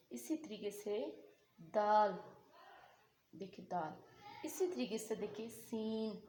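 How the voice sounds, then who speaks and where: A woman's voice: mid-range voice, a little mellow, a little hiss or hum. Echoey, patient woman teaching Quran recitation. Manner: patient, repeats questions and answers them herself. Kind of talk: online tajweed lesson.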